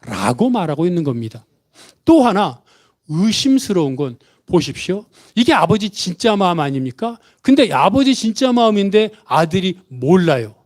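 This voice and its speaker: A man's voice: high-pitched, big pitch swings, normal speed, a little mellow. A man preaching a sermon as a church pastor, questioning the congregation and acting out quoted speech. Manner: asks the congregation questions and has them repeat after him; acts out the father's and son's words in quotes.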